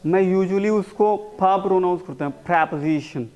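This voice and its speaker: Male English coach, unhurried classroom delivery, slightly raised pitch. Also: darkish tone, lo-fi sound. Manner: slow and deliberate, repeating words for the class to copy. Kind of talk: classroom teaching, mixing Hindi and English.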